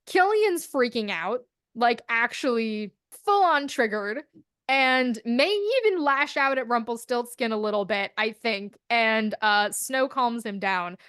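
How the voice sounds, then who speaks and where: Young woman podcast co-host, casual storyteller, fairly high voice, dry close mic, acts out every line. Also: a little slow, smooth, no room sound. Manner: animated, acts out quotes, swears freely.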